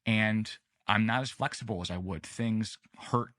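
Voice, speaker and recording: A man in his late thirties, a podcast guest telling stories in a relaxed, unhurried way with many restarts. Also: fairly low pitch. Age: late 30s. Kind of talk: casual storytelling interview.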